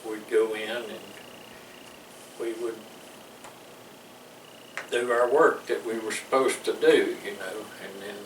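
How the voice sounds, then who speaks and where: An older man with a Southern American accent recalls his service days in an interview, rambling folksily and chuckling between stories. His voice is on the low side, steady and slow with frequent pauses; the room echoes, the mic is far off, and background noise is clear.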